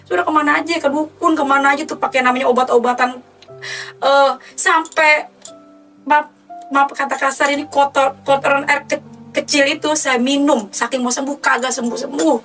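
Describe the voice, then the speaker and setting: A woman's voice: sits high, steady tone, moderate pace, fairly bright tone, far from the mic, soft background music. A woman giving an emotional personal testimony, animatedly retelling her story.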